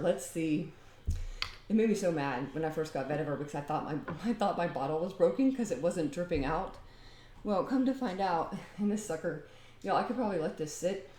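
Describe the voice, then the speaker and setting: A woman's voice: deep voice, dark tone, roomy sound, slight background noise. A woman chatting casually at home, rambling and laughing as she demonstrates a homemade recipe. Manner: rambling and talkative, often laughing. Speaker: home DIY vlogger.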